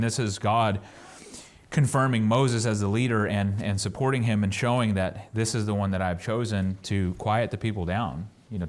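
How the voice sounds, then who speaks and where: A man teaching a Bible study sermon, reading verses aloud and explaining them in a halting way, often repeating words as he goes. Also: fairly low pitch.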